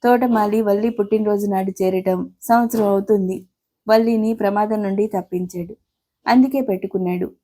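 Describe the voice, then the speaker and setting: Storyteller: middle-aged woman, dark warm tone, scripted narration, characters read in her own voice. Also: medium pitch, fairly even intonation, a little fast.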